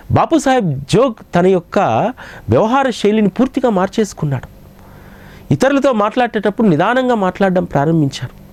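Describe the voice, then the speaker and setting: A man giving a devotional storytelling talk as a spiritual speaker, slowing down and rising in pitch when he quotes others. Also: a little mellow.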